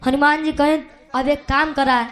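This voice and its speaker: A woman with a Bhojpuri accent performing Birha folk song on stage, telling an epic story in speech and then stretching her lines into long drawn-out sung verses. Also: sits high, flat delivery, fairly bright tone. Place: live outdoor stage show.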